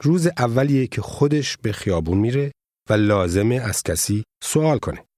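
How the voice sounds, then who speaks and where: A man narrating a scripted language lesson in a measured, formal teaching manner. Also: medium pitch, sing-song, a little mellow, dry recording, clean studio sound.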